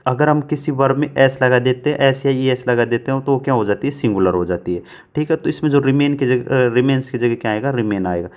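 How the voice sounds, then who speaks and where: A man teaching English grammar for exam prep in Hindi, who asks questions and answers them himself and reads example sentences out slowly, word by word. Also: mid-range voice, a little mellow. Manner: asks and answers his own questions, repeats answers.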